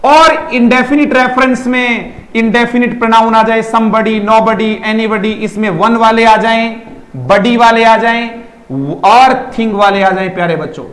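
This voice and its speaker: A man's voice: very high-pitched, fairly even intonation, a little slow, fairly bright tone, roomy sound, poor audio. A man teaching an online English class, speaking emphatically, repeating words to drill pronunciation, and checking in with students as he goes. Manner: addresses students fondly and asks checking questions.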